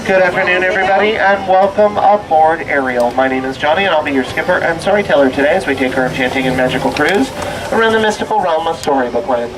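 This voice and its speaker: Man, fairly high voice, theme park ride spiel, boat skipper, theatrical storyteller, punning, stretched-out words. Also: expressive, quick pace, far from the mic, noisy background. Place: outdoors on a tour boat.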